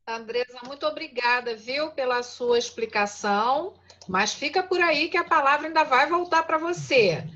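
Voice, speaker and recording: Woman, host, high pitch, crisp bright tone, lo-fi muffled video call. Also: expressive, normal speed. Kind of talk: moderating an online talk.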